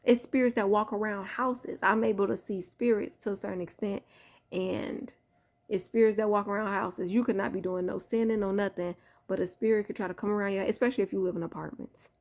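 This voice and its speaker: A woman's voice: medium pitch, fairly even intonation, brisk, a little mellow. Fervent Chicago woman preaching to camera. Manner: fervent, repetitive, exhorting. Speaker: faith vlogger.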